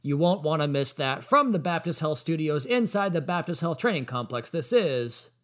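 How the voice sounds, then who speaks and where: Higher-pitched American man hosting a sports podcast. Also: animated, moderate pace, a bit bright.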